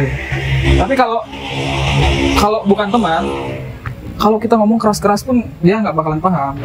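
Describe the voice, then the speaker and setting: A man's voice: sits high, poor audio. A man in his twenties chatting and explaining as a street interviewer, recorded outdoors by a road. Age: 20s. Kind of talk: casual street chat.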